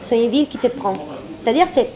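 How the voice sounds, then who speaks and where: Quick, expressive and warm, with a voice on the high side, the speaker is a Venezuelan woman guesting on an interview as a singer-songwriter. She jokes around casually in French, her second language, in a Spanish accent, repeating phrases to stress them.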